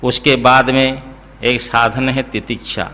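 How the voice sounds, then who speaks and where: Man giving a slow spiritual talk, bright voice, lots of hall reverb. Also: medium pitch, little pitch movement. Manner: slow, explanatory, asks listeners if they follow, chants verses. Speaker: spiritual teacher. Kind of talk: Hindi scripture discourse.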